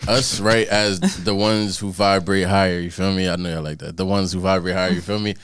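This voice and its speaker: A man's voice: low-pitched, fairly even intonation, a little fast, fairly bright tone, clear, resonant tone. A young man chatting casually on a podcast, laid-back and full of slang, often asking "you feel me". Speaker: podcast host. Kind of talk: casual chat.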